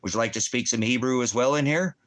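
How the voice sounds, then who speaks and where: Talking fast in a medium-pitched, fairly bright voice, a man hosts a rambling Bible teaching livestream. He's a ministry teacher seated indoors by a fireplace at home, and he addresses commenters bluntly and challengingly, often answering his own questions.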